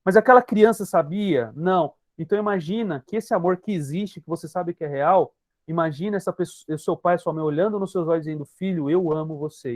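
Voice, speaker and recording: High-voiced Brazilian man teaching a group. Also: no echo. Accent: Brazilian Portuguese. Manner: emphatic, addresses listeners directly and repeats key points. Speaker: hypnotherapist. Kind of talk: teaching talk to an online group session.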